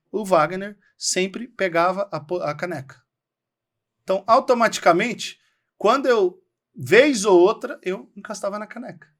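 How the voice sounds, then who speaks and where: A Brazilian man speaking as a guest on a podcast, explaining things in an animated way and acting out little bits of dialogue. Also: sits high. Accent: Brazilian Portuguese. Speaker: podcast guest, real estate trainer. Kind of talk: casual podcast conversation.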